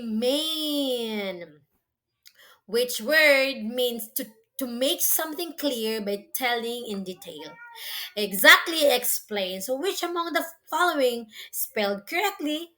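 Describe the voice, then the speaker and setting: Woman, school spelling teacher, slow dictation, crisp bright tone, higher-pitched, encouraging. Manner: slow, deliberate delivery, spelling words out letter by letter; encouraging, praising the listener. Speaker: teacher giving a spelling quiz. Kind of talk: slow school dictation quiz, questions and answers.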